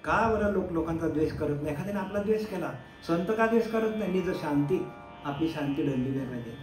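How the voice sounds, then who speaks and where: A man, a spiritual teacher, giving a devotional discourse. He asks rhetorical questions, answers them, and slowly chants verses. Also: high-pitched, a little mellow, reverberant.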